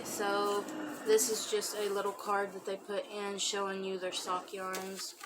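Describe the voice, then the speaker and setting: A woman's voice: medium pitch, background noise. A woman hosting a crafting podcast, chatting casually with lots of fillers, and sounding a bit congested. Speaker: podcast host. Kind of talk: casual chat.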